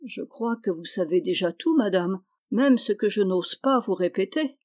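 A woman reading aloud and voicing a shy, earnest young male pilgrim in a soft, hesitant manner. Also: mid-range voice, animated, normal speed, natural voice.

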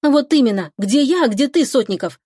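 A woman reads a young woman who is quick to anger and grumbles through her words, her voice lifted noticeably higher than the narration. The sound is close and dry, with no room around it. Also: a little mellow, dry recording, close to an everyday voice. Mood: indignant. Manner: snappy, indignant grumbling. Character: young woman, irritable and sharp-tongued. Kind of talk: audiobook character voice.

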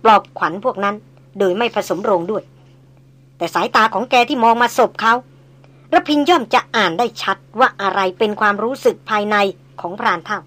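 A woman's voice: on the high side, a bit bright. Woman reading a novel aloud. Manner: measured storytelling. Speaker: narrator.

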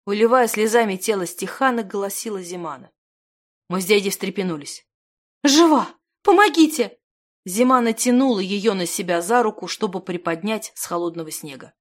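A woman narrating a fantasy audiobook in first person, in a steady, measured reading. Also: medium pitch. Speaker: audiobook reader.

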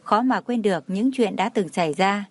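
Woman reading a gentle mom softly calming her kid, patient and tender, dry close sound. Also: medium pitch, normal speed, no echo, natural voice. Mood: soothing. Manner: soft, soothing. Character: gentle patient young mother.

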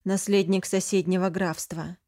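A woman's voice: lowish voice, little pitch movement, normal speed, mellow, natural voice. A woman voicing a frightened young mother who pleads and protests emotionally in an audiobook. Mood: resigned. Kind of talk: audiobook character reading.

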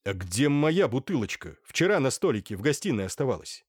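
A man voicing a shrewd, calm doctor who asks probing questions. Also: mid-range voice, brisk, slightly rough, dry recording, clean studio sound.

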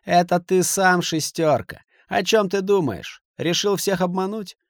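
Man voicing a hot-tempered shouting businessman. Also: sits high, unhurried, no echo, clean studio sound, voice pushed up. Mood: angry. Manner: raised, shouting, forceful. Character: agitated tough middle-aged businessman, shouting.

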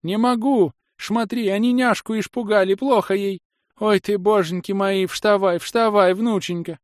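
A man voicing a shrill, frightened old village woman who shrieks and wails in panic. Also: steady tone, measured pace, dry recording, studio quality. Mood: wailing. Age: older.

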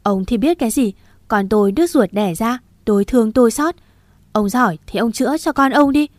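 A woman's voice: fairly high pitch, a little slow, a little mellow, no echo, lightly acted. A woman voicing a distraught middle-aged mother who cries and pleads over her son, her voice raised. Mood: indignant.

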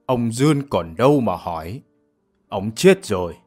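A stern male prosecutor of the colonial era, played by a man with a low voice. He presses a suspect slowly and deliberately, every word an accusation. Faint music sits underneath. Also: very animated, a little mellow, husky, full character voice.

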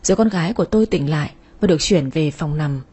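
Soft breathy lady narrating a sad story in first person, mellow tone. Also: low-pitched, fast.

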